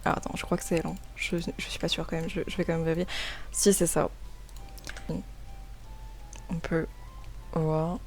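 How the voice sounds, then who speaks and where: A woman giving casual commentary while gaming and drawing, chatty and excitable, often stammering and repeating words, into a desk mic at home. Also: sits low, normal speed, long pauses, soft background music. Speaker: gaming and art YouTuber. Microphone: desk microphone.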